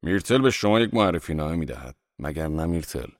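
A man's voice: extremely low pitch, lively intonation, no room sound, studio quality, voice pushed down. A man voicing an arrogant, brusque wealthy man who gives orders. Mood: mocking. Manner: commanding.

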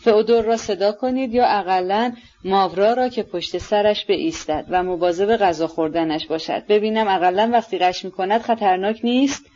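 A woman voicing a haughty, irritable older noblewoman who fires sharp, impatient questions, on a dull lo-fi recording. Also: medium pitch, natural voice. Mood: imperious.

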